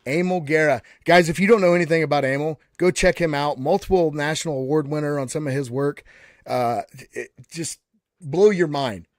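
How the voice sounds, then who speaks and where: A man's voice: fairly high pitch, moderate pace, no echo, studio quality. A man hosting a live online panel in a casual, folksy way, calling everyone buddy and often restarting his words. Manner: frequent restarts and repeated words. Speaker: host of a live panel show.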